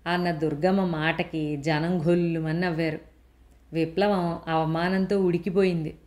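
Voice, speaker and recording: A woman narrating a story in a steady, expressive reading voice. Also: on the low side, a little slow.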